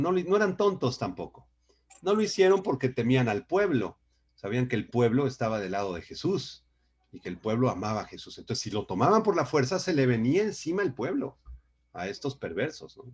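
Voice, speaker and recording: A man's voice: lowish voice, darkish tone, slightly rough. A man teaching a Bible lesson over a video call, emphatic and often checking in with his listeners. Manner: emphatic, frequent rhetorical "¿sí?" checks. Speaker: pastor teaching a Bible class. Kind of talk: online Bible lecture.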